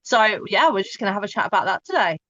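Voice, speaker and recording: A woman co-hosts a podcast from home, chatting in an upbeat, agreeable way at a mid-range pitch. Her voice sounds dry and slightly dull, with no room echo. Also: lively intonation, quick pace, a bit bright. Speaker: podcast co-host. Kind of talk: casual podcast chat.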